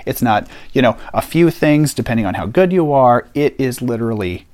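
A man's voice: medium pitch, normal speed. A man teaching a Bible passage on a podcast in an earnest, conversational way, stressing key points by repeating them. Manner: earnest, animated, emphatic repetition.

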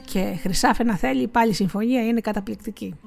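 A woman voicing a male thief who flatters his master and brags about a deal. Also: on the high side, creaky, soft background music. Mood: boastful. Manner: flattering then bragging. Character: fawning male thief, boastful.

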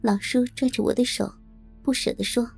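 A woman reading a first-person adult audio novel in a steady, intimate storytelling manner. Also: fairly high pitch, moderate pace, creaky, husky, soft background music. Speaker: narrator.

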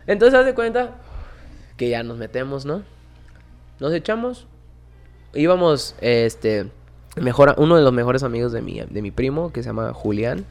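A man in his twenties with a Mexican accent, a podcast guest telling a story in casual chat, animated, slangy and swearing often. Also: mid-range voice, moderate pace, long pauses. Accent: Mexican Spanish. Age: 20s.

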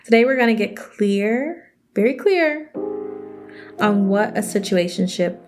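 A young woman who works as a self-worth coach chats unhurriedly on her own solo podcast, with music playing underneath. She's animated and talkative, putting on higher voices when quoting other people, and her voice sounds slightly scratchy.

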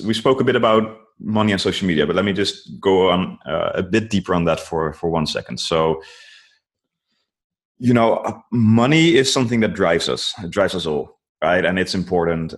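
Man, low voice, conversational, earnest coaching tone, frequent "like" and "you know" fillers. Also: normal speed. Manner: says "like" and "you know" a lot; earnest, advice-giving. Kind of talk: casual conversational interview.

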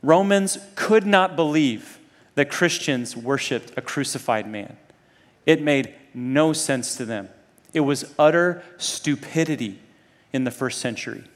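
Recorded with long hall reverb, a man from Zambia and Kenya delivers a sermon to students in a medium-pitched, animated voice without rushing. He sounds earnest and talks conversationally, regularly throwing rhetorical questions at those listening.

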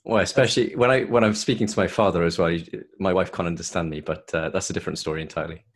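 A man with a soft South Welsh accent, chatting casually as a guest in an interview. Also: low voice, fairly even intonation, racing. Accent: South Welsh, softened. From South Wales. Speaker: podcast guest, solicitor.

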